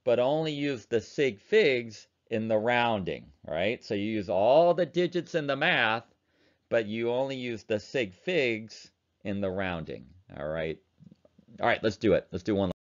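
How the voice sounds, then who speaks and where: A man lecturing on chemistry online talks in a relaxed, chatty manner while running problems through his calculator. He has a lowish voice with lively intonation and a measured pace, and the recording sounds dull and lo-fi.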